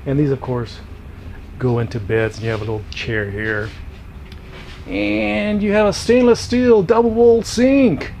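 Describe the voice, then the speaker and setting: A man's voice: steady tone, unhurried, gravelly, darkish tone, highs cut off. A man giving a casual walking tour of RV trailers on a dealer lot, talking offhand with lots of "uh"s. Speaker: RV vlogger. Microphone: handheld or body camera. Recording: outdoor camera audio with traffic noise. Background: highway traffic noise.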